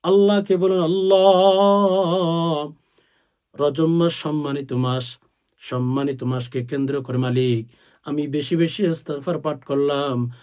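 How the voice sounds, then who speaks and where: A man preaching a sermon, talking straight to his listeners as friends, swelling to loud, drawn-out stresses and chanting short Arabic phrases slowly. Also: medium pitch, steady tone. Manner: swells to loud, drawn-out emphasis on key words; addresses listeners directly as friends.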